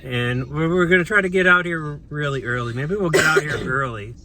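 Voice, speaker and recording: A man's voice: fairly high pitch, a little fast, bright, forceful tone. A man chatting casually as a travel vlogger, rambling with many fillers and restarts. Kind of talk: casual vlog chat. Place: outdoors on town streets. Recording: outdoor street noise with passing cars.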